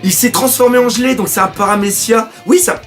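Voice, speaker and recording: A man from France doing live reaction commentary on a manga chapter, excitable, swearing often and reading panels aloud. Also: sits high, fairly quick, soft background music.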